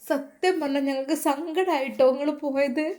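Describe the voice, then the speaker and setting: Woman doing a kind big-sister type, soft and a bit high, malappuram accent, storybook. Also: fairly even intonation, moderate pace, close to an everyday voice. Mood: tender. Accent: Malappuram Malayalam. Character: gentle middle-aged woman, like a caring elder sister.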